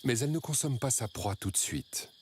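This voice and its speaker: A man reading scripted nature documentary narration in a measured, dramatic storytelling way. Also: mid-range voice, a little hiss or hum.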